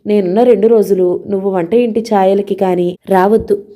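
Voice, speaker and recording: A woman's voice: mid-range voice, fairly even intonation, moderate pace, warm tone, close to an everyday voice. A woman reading as a fussy, orthodox older lady. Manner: polite but controlling.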